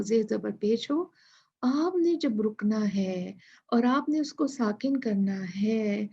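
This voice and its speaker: Slow, patient woman teaching Quran recitation. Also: a little high, gravelly, dark tone, husky, dull audio. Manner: patient, repeats letters and words slowly to demonstrate. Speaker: tajweed teacher.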